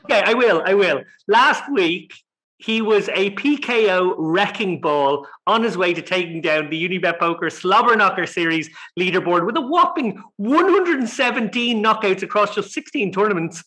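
A man's voice: high-pitched, lively intonation, normal speed, pushed and bright. A man hosting a podcast with a jokey, upbeat manner, recorded with echoey sound in a large empty tiled room. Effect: echoey sound from a big tiled room. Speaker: podcast host. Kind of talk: casual podcast chat.

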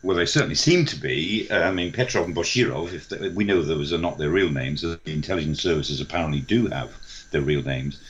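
A man's voice: extremely low pitch, a little fast, dull audio. An older man with a British accent giving spontaneous expert analysis on the news, explaining his points emphatically. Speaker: defence expert guest, professor.

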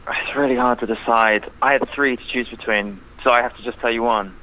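A man's voice: medium pitch, fairly even intonation, a little fast. A young man, a podcast guest, chatting animatedly with frequent laughs and lots of "like". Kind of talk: casual chat. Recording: slightly dull lo-fi sound with faint noise.

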